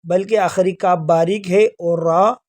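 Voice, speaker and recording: A man teaching a Quran recitation lesson. He explains briskly, then draws out the recited words very slowly. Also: sits high, fairly even intonation, darkish tone. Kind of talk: tajweed lesson.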